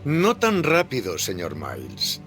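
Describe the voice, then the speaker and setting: An actor playing a menacing, commanding movie villain in a Spanish-dubbed video game, with taunting, deliberate delivery. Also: male voice, mid-range voice, wildly swooping pitch, fairly bright tone, faint music behind, heavily acted. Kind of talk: dramatic video game acting in Spanish dub.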